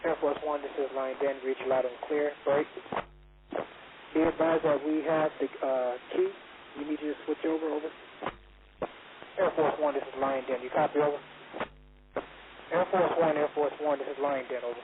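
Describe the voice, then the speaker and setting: Man on a two-way radio, clipped procedure talk, tinny line with clear static, slightly high voice. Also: steady tone, normal speed, long pauses. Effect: over a two-way military radio. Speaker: ground station radio operator.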